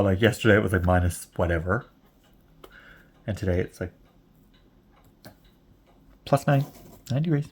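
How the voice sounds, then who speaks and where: A man's voice: fairly low pitch, darkish tone, husky. A man in his forties chatting casually while he knits, rambling and chuckling often. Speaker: knitting vlogger. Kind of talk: casual chat while knitting.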